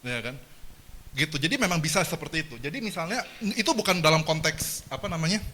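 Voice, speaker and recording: Animated man lecturing a seminar. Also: a little high, fast, a little hiss or hum. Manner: animated, engages the audience with questions and jokes. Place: lecture hall.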